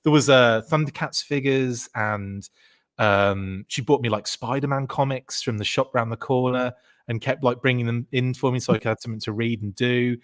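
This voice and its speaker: A man's voice: mid-range voice, fairly even intonation, normal speed. A man in his forties, a podcast guest, telling childhood stories in casual chat, full of fillers and restarts.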